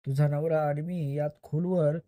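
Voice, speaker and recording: A man's voice: a little high, fairly even intonation, measured pace, dark tone, natural voice. A man voicing a menacing armed male criminal in a spoken story, with mocking, threatening lines.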